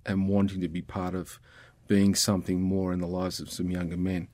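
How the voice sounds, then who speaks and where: A man's voice: deep voice, little pitch movement, normal speed, a little mellow, no echo. A middle-aged Australian man with an Australian accent, talking earnestly and reflectively as a podcast guest. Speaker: guest, ministry worker. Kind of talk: casual conversation.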